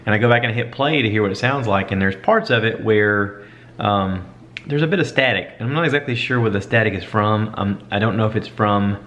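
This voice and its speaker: A man's voice: fairly low pitch, a little fast, fairly bright tone. A man vlogging in a casual, rambling, self-deprecating way, like an informal podcaster talking to viewers. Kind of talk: casual chat, stream of consciousness. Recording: dull lo-fi camera audio, light background noise.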